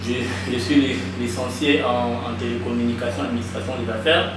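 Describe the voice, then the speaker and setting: A man's voice: medium pitch, flat delivery, a little fast, music in the background. A young man from Kinshasa with a Congolese French accent, answering interview questions hesitantly with many restarts and fillers, slipping into Lingala. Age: young adult. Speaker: guest, association president. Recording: very echoey room, far from the mic, light noise.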